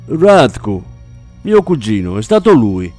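A man's voice: medium pitch, very animated, slow pace, darkish tone, soft background music. A man voicing a menacing middle-aged gang boss with a tense, clipped delivery. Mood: grudging.

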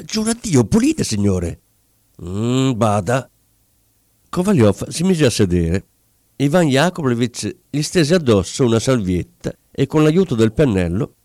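Expressive male storyteller, dry close sound. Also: fairly low pitch, no echo. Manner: expressive, dramatic storytelling with pauses. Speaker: audiobook narrator. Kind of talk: scripted narration.

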